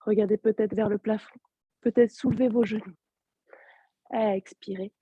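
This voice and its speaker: A woman yoga teacher with a sore throat, giving calm, soft-spoken step-by-step cues over a video call. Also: medium pitch, normal speed, breathy edge, no echo, dull audio. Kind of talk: guided yoga class instruction.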